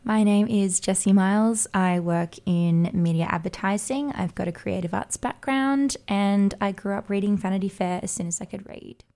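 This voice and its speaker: A woman co-hosting a podcast, laid-back, her voice a little raspy with vocal fry after a night of karaoke. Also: medium pitch, normal speed, hardly any pauses, dark tone. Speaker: podcast co-host. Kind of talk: casual chat.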